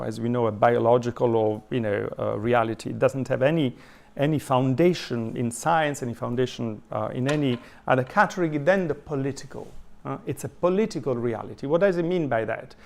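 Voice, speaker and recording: A man from southern Italy with an Italian accent giving an adult education lecture, thoughtful, pausing often with fillers and restarting his sentences as he reads and explains quotations. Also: mid-range voice, creaky.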